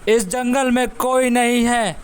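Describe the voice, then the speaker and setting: A man's voice: very high-pitched, fairly even intonation, takes it slowly, clean tone. A man voicing a boastful, cruel bull elephant in a cartoon who threatens and laughs mockingly. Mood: gloating. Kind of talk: cartoon voice acting.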